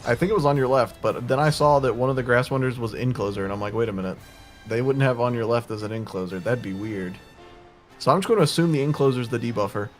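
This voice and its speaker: Relaxed male co-caster breaking down plays. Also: mid-range voice, quick pace, faint music behind. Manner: relaxed, analytical, with fillers. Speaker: co-caster analyst. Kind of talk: esports color commentary.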